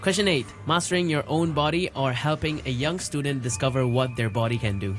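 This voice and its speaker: A man's voice: mid-range voice, fairly quick, soft background music. Man co-hosting a podcast. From Hong Kong. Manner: reads quiz questions crisply, short reactions. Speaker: podcast co-host.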